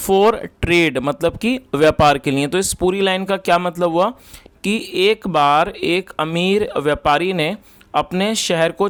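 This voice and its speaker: A man teaching English, reading phrases slowly and then explaining them in Hindi. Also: on the high side. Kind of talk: explaining an English story line by line.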